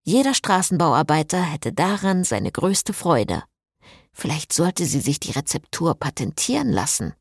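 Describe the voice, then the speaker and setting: Woman narrator, audiobook, lively delivery, dry close recording. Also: deep voice, unhurried, no room sound. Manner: expressive, wry storytelling.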